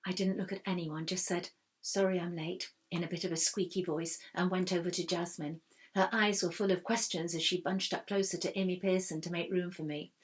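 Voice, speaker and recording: A woman reading a first-person children's story aloud in a steady, expressive way. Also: lowish voice, brisk. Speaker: reader.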